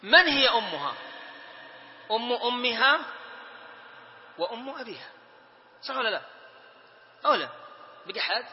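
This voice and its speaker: A man teaching a classroom lesson, drilling lists and prompting students with short questions. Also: high-pitched. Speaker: teacher of Islamic inheritance law. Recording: reverberant room, dull lo-fi sound.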